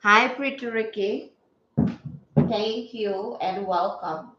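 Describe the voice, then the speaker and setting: A woman with a mid-range voice talks at a slow pace, stuffy-nosed and chatty, as she hosts a casual livestream from her table at home and greets viewers. The recording is very noisy, echoey, and dull, with lo-fi sound.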